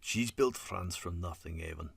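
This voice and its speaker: Wry russian lab manager, low and dry, slight rolled r , guy narrating does him. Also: normal speed, vocal fry, slightly rough, no echo, full character voice. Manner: soft rolled R.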